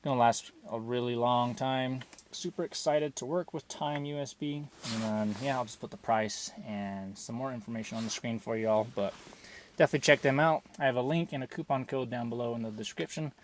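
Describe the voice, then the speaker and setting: A man hosting a casual fishing vlog, talking in excitable bro slang. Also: mid-range voice, brisk, a little hiss or hum. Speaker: host of an outdoor fishing channel. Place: outdoors in a snowstorm, later inside an ice fishing tent.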